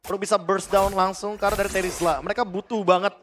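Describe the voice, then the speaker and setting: A man's voice: sits high, flat delivery, fast talker, a bit bright, slight background noise. A man with an Indonesian accent giving analytical esports caster commentary. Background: music.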